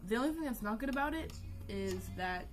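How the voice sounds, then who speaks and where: A woman's voice: a little high, expressive, a little fast. Rambling young woman streaming casually. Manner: rambling, self-mocking, swears freely. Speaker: art streamer. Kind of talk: casual live-stream chat. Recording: music playing behind the voice. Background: music.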